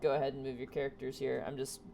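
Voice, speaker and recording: Low-voiced woman running a tabletop game. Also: monotone, fast talker, vocal fry, warm tone. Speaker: game master. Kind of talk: improvised tabletop game narration. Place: online voice call for a virtual tabletop. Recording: faint noise on home microphone.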